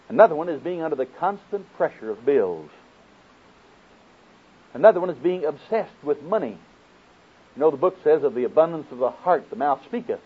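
Over a muffled, phone-like recording, a husky, medium-pitched man from Oklahoma, United States, preaches folksily in his Oklahoma accent. He quotes scripture and poses questions to those listening as he teaches.

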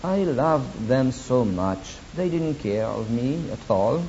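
Giving a sermon full of personal testimony, a Polish man speaks accented English as a guest preacher, his phrasing deliberate, halting and non-native, with wry asides. The voice is expressive, mid-range and dark. The recording is dull and lo-fi with faint hiss.

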